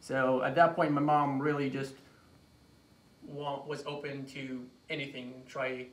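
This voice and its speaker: This young man, an Iraqi chiropractor in his late 20s, speaks in a mid-range voice that barely rises or falls while telling a personal story in an informal interview where he's being introduced. He hesitates and repeats words and phrases throughout. A phone camera set a few feet back in a small office picks up an echoey, distant sound with faint noise.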